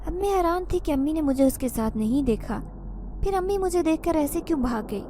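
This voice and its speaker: A woman telling a first-person story as narrator, giving the family's lines a raised, anxious pitch. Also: expressive, mellow, slight background noise.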